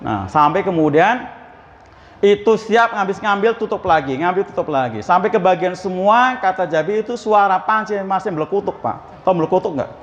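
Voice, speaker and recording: Man, high voice, chatty sermon, slightly dull recording with light noise. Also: expressive, normal speed, long reverb tail. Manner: chatty, asks the congregation questions, acts out dialogue. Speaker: preacher. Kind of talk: mosque sermon storytelling. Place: mosque. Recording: slightly dull, faintly noisy.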